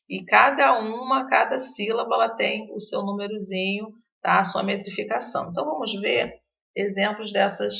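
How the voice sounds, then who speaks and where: A woman teacher talks through a recorded lesson with a gravelly edge to her voice, at a middling pitch. She hesitates often and restarts her sentences. The sound is dull and lo-fi. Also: bright, forceful tone. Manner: hesitant, many fillers and restarts. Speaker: literature teacher.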